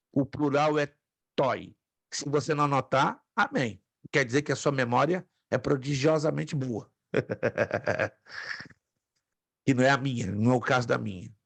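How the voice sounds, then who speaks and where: A man's voice: fairly high pitch, gravelly, dry recording. A man teaching a Greek class from his home office, patiently repeating each pronunciation and joking lightly with students. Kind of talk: online lecture.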